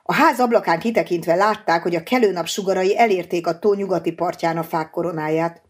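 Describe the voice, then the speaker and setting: Woman audiobook narrator, husky, measured, lower pitch.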